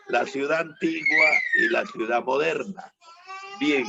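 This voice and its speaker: A male evangelist teaches from the Bible in a somewhat high, gravelly voice. He explains each point patiently and checks in with rhetorical questions as he goes. The recording sounds dull and lo-fi. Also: fairly bright tone. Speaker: evangelist preacher.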